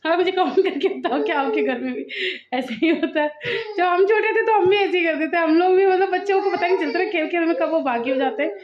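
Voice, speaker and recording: A woman's voice: extremely high pitch, quick pace, few pauses. A young woman from India, a mother filming a casual home vlog, chatty and playfully scolding her kids, recorded on a phone in a family home. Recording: muffled phone audio with clear background noise.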